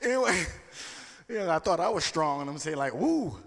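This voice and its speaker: Southern preacher man, animated, in a reverberant hall. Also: on the high side, brisk. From Louisiana, United States. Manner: folksy, conversational asides with call-and-response to listeners. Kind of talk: sermon. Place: large echoing room, preaching to a gathering.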